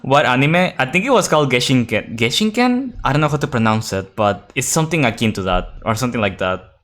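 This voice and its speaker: A man's voice: mid-range voice, lively intonation, fast talker, a bit bright. A young man streaming a game, chatting casually with viewers and reading the game's text aloud, rambling and restarting his sentences and swearing now and then.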